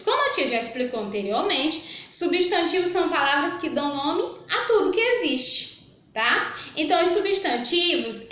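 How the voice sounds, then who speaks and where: Brazilian woman, a primary teacher, higher voice, patient and repetitive, recorded in a very echoey room. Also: a bit bright. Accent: Brazilian Portuguese. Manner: patient, repetitive, checks in with "tá?" after each point. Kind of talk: recorded remote lesson. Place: room with a whiteboard.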